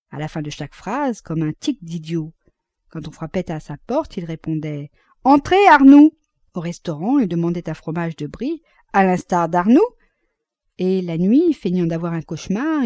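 A woman narrating a classic novel as an audiobook, reading at a measured, even pace. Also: on the low side, dry recording.

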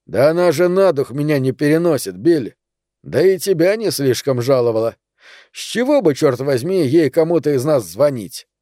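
A man's voice: a little high, animated, normal speed, dark tone, no room sound, studio quality, lightly acted. A man voicing a blunt, cowardly male friend who scolds and swears impatiently. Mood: exasperated.

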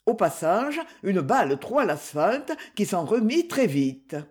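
An audiobook reader narrating a novel with steady, expressive reading. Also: mid-range voice, slow.

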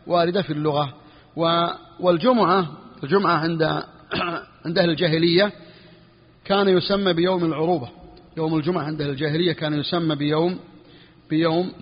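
Husky sheikh repeating every phrase. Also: male voice, on the high side. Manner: repeats each phrase slowly for students; clears his throat now and then. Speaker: sheikh teaching Hanbali jurisprudence. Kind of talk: classroom lesson on a fiqh text. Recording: dull, lo-fi recording with long reverb.

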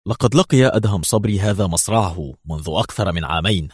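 Man doing a brooding rival spy boss, deep and husky. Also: expressive, fast talker, no room sound, clean studio sound. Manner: sighing, frowning. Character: tense, brooding male enemy spy chief.

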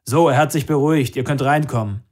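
A man voicing a brash, nervous young man who plays the jovial host, talking loudly and pushily. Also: mid-range voice, expressive, fairly quick, lightly acted. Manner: loud, jovial, pushy.

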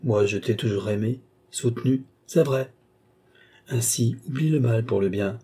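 A man reading the part of a kind, worried young nobleman who speaks gently and coaxingly in an audiobook. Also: mid-range voice, a little slow, breathy edge. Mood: gentle coaxing.

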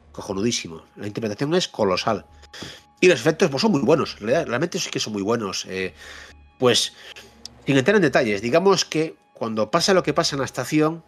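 A man hosting a podcast, giving a casual spoken review of a game and repeating points for emphasis. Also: mid-range voice. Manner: repeats himself for emphasis, frequent fillers and tag questions.

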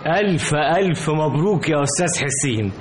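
An actor playing a nervous, deferential driver who stammers, with an Egyptian accent. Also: male voice, a little high, expressive, fairly quick, very noisy, lightly acted. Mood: nervous servile. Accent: Egyptian Arabic. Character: servile, nervous male driver. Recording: old radio drama with music behind.

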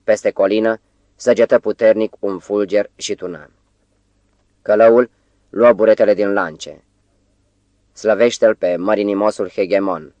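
A man reading a novel aloud as an audiobook narrator, in a measured, even-paced way. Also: lowish voice, dry recording. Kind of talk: scripted literary narration.

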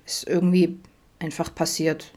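A woman voicing Adam, a reserved grown man who answers gruffly and hesitantly, often quietly. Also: sits low, level tone, unhurried. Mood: shy. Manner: curt, hesitant, hushed.

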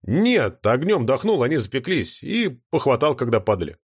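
A man's voice: medium pitch, very animated, normal speed, husky. Man doing a gloomy, earnest dragon father.

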